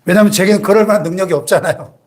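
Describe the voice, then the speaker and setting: A man's voice: high-pitched, racing. A man around sixty, a senior pastor preaching a sermon in a church and prodding the congregation with rhetorical questions.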